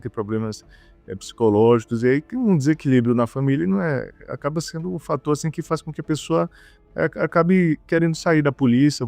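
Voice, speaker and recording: Male interview guest from Bahia, mid pitch, dry sound, lots of fillers. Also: a little mellow, no room sound. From Bahia, Brazil. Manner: fillers and repeated words. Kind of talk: conversational interview.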